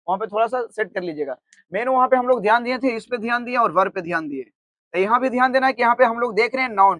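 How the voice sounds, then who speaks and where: A man teaching an online grammar lesson who keeps asking his own questions and answering them, spelling words out slowly as he writes. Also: very high-pitched, fairly bright tone, no echo. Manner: repeats "theek hai" often, asks and answers his own questions; spells words out slowly while writing on the board.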